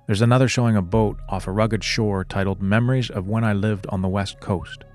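A male podcast host reading scripted narration in a measured, serious way. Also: fairly low pitch, fairly even intonation, darkish tone, soft background music.

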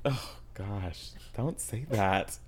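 With a rumbling low, darkish voice, this woman in her twenties talks extremely slowly over slight background noise. She's a brash podcast co-host in casual comedic chat who swears plenty and turns dramatic and squealy to get laughs.

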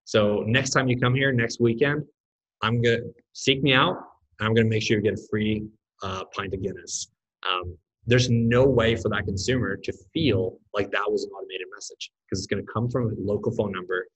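A man's voice: lowish voice, steady tone, normal speed, fairly bright tone, breathy edge, highs cut off. A man from Norway, a startup founder, talking earnestly and enthusiastically in a podcast interview.

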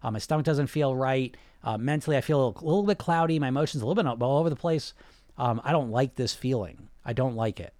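A weight-loss coach hosts a podcast in a casual, emphatic monologue full of "you know" fillers. His medium-pitched voice is fast and a little mellow, and he is sniffling, captured in a dry, studio-quality recording.

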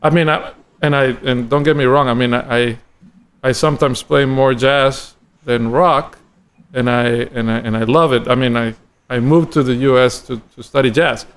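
A man from Costa Rica, a guest drummer and educator, talking in a thoughtful, halting way with many restarts in a casual podcast conversation. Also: mid-range voice, fairly even intonation, clear, resonant tone.

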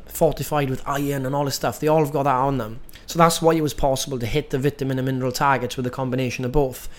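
Brief: man, nutrition coach, mid-pitched, direct and emphatic teaching. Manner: emphatic, direct, keeps asking "right?". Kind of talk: coaching lesson.

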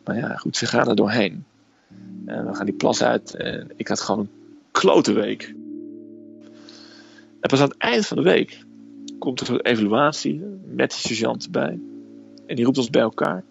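A man telling a personal story in a casual, hesitant way, filling pauses with "eh". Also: medium pitch, lively intonation, gravelly, muffled recording, faint music behind. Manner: hesitant storytelling, frequent "eh" fillers.

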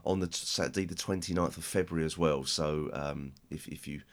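British male podcast host, low and croaky with a chesty cold, casual and rambling. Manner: halting, rambling delivery. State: chest infection, hoarse with a cold.

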